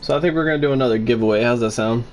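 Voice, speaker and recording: A man's voice: mid-range voice, very fast, slight background noise. A man talking casually to his livestream chat, hyped up, repetitive and swearing freely.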